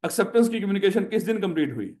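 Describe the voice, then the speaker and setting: Man, Pakistani Urdu accent, high-pitched, classroom lecturer, repeats questions, fatherly address to students. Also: animated, very fast, darkish tone.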